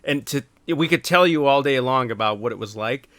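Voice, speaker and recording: A man in his thirties chatting on a podcast, animated and storytelling with frequent restarts. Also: medium pitch, brisk, no room sound. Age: 30s. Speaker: podcast panelist. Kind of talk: casual chat.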